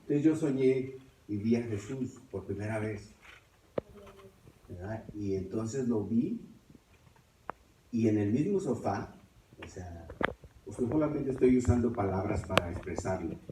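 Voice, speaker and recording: A man telling his testimony as a preacher, swinging between loud and hushed as he tells it. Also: on the low side, expressive, measured pace, pauses often, background noise. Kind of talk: testimony sermon. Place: church. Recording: echoey church from far off.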